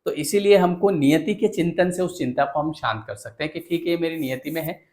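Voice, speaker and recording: A man's voice: a little high, brisk, darkish tone. Earnest man giving a motivational talk. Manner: earnest, asks rhetorical questions and addresses listeners directly. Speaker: motivational speaker and counsellor.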